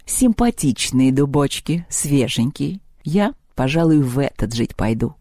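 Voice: medium pitch, animated, unhurried, mellow, no echo, studio quality. A reader voicing a scheming, mocking ancient female villain who giggles and sneers.

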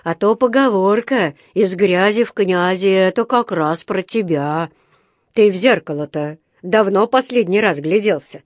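A woman reading a storybook aloud, voicing an unfriendly male factory gatekeeper who talks in a loud, mocking way. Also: mid-range voice, unhurried, no room sound, clean studio sound, natural voice. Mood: sneering. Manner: sneering, loud, teasing.

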